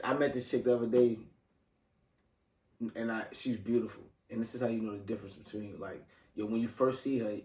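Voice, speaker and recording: A man's voice: medium pitch, warm tone, distant mic, slight background noise. A man hosting a casual podcast chat, loose and slangy, often restarting his sentences. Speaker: podcast host. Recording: roomy sound from off mic.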